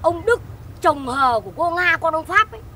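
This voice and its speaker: A woman's voice: extremely high pitch, lively intonation, moderate pace, pushed and bright, heavily acted. An actress playing a gossipy village newspaper seller hawking her papers. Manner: hawking, sing-song. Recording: outdoors from far off, street noise.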